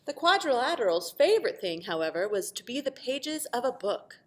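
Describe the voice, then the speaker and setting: A woman teacher reading a storybook expressively to children, pausing to explain simply and ask questions. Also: fairly high pitch. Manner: animated, asks the listeners questions.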